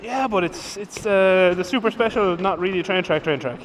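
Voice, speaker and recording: A man's voice: high voice, moderate pace. An Irish man chatting casually and jokingly outdoors, often mock-serious, as a motovlogger. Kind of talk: casual chat while walking. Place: outdoors on a woodland path. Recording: distant mic, outdoor background noise.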